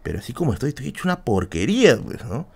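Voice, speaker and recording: A Peruvian man spins a long anecdote in loose, slangy talk, stopping often to check in with his listeners. His mid-pitched voice rises and falls a lot as he goes. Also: big pitch swings, quick pace, creaky, darkish tone, slightly rough. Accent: Peruvian Spanish. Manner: slangy and rambling, with many fillers and check-ins to the audience. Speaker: streamer telling anecdotes. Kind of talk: casual storytelling on a live stream.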